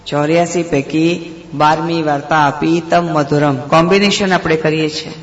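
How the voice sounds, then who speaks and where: A man preaches through devotional stories with a rather high voice, stopping to explain them and pose rhetorical questions. His voice echoes around a large hall with a long reverb tail. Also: fairly bright tone, lo-fi sound. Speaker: devotional storyteller. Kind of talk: devotional story sermon.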